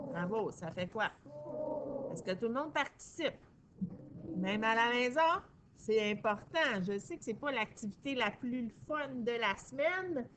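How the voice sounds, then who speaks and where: A woman teacher, giving a recorded phonics lesson to young children in a patient, encouraging way and sounding out syllables slowly. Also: a little high, noisy background. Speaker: primary school teacher.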